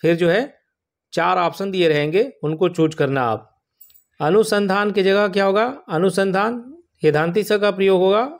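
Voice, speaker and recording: A man with a fairly high voice takes learners through a spelling lesson for an exam. He explains slowly and patiently, and he says each word more than once so it sticks. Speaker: exam prep teacher.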